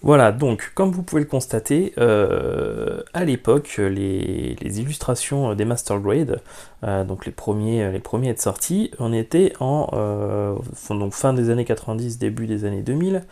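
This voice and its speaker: Host: man, mellow voice, chatty unboxing vlog, hesitant and opinionated. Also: fairly low pitch, lively intonation, moderate pace, creaky. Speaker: YouTube model-kit reviewer.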